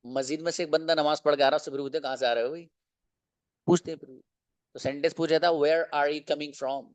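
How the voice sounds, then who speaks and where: A man teaching spoken English in an online class, drilling phrases slowly and asking students to repeat them. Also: a little high. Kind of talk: slow, explanatory online class.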